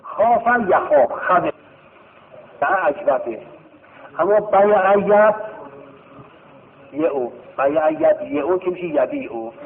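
A man teaching grammar, chanting verb paradigms in a slow sing-song that swoops from high to low. His fairly high voice has a gravelly edge. It comes through thin and phone-like, with a long echo as though from a large hall. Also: very animated, slight background noise. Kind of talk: classroom lesson, chanting verb conjugations. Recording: tinny phone-like sound in a reverberant hall.

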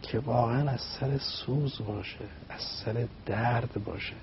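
A man as a religious guest speaker, explaining poetry through a story in animated, rhythmic phrases. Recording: slightly dull with faint rumble.

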